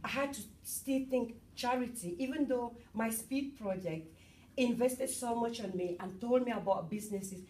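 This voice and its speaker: A bubbly middle-aged woman from Cameroon giving a lively talk at an event and chatting with the audience. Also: a little high, moderate pace, distant mic, slight background noise. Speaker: motivational speaker.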